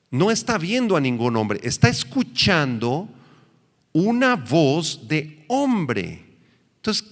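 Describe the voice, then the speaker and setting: A man's voice: on the high side, long reverb tail. A male pastor teaching a sermon, asking the congregation questions and answering them himself.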